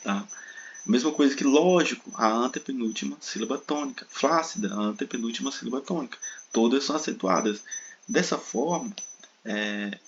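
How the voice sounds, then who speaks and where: Speaking at medium pitch and normal speed, this Brazilian online tutor walks through Portuguese grammar one step at a time. He leans on tag questions and draws out the stressed syllables of his examples, and the lo-fi audio carries a little background noise.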